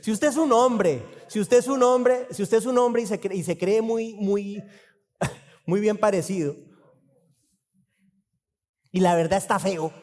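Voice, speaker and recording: A man's voice: high-pitched, unhurried, pauses often. Preaching man in a reverberant church. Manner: animated, acts out dialogue, rhetorical questions. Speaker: pastor. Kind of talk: expository sermon.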